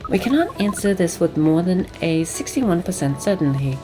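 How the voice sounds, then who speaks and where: A woman voicing a calm, formal female alien from a hive mind who speaks as "we", reading game dialogue aloud over game music. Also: on the low side, moderate pace.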